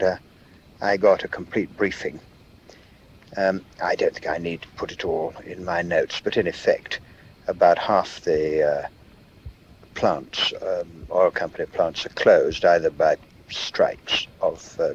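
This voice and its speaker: A middle-aged man dictating his diary in measured, dated entries with uh and um pauses, heard from a worn tape copy. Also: rumbling low. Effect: worn tape copy, muffled with hiss. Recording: muffled old cassette tape with hiss.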